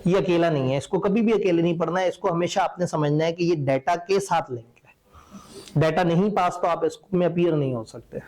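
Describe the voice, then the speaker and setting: A middle-aged male teacher, explaining an exam syllabus to students. He talks in a relaxed, conversational lecture style, wry and opinionated. His voice sits a little high for a man. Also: moderate pace.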